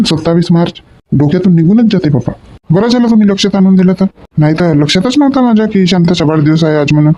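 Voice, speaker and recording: A man's voice: a little high, mellow, natural voice. An actor playing a forgetful middle-aged father in a comedy sketch, grumbling and asking questions again and again. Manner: grumbling, asks questions repeatedly. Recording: dull lo-fi recording.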